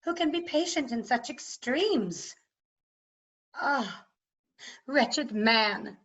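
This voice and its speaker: A woman's voice: on the high side, fairly bright tone. A woman playing a proud, scornful warrior queen and wronged mother in declamatory, emphatic Shakespearean verse over a muffled video call. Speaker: actor in staged reading. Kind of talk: Shakespearean verse drama, theatrical delivery.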